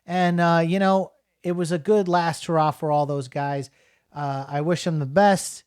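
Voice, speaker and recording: A man's voice: on the high side, steady tone, unhurried, a little mellow, smooth, no echo, studio quality. Rambling man reviewing a film. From New Jersey. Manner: rambling, lots of fillers and restarts. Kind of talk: casual spoken review.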